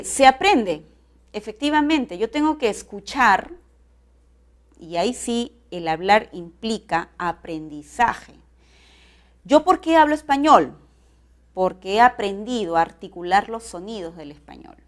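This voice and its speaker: A woman teaching a recorded class, explaining step by step and often checking in with tag questions. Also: mid-range voice.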